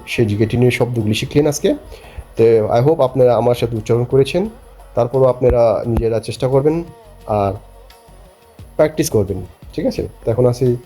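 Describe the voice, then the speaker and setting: Man, beginner language teacher, patient, dark husky voice, soft music behind. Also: mid-range voice. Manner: patient, repeats phrases slowly for learners to copy; keeps asking if learners follow.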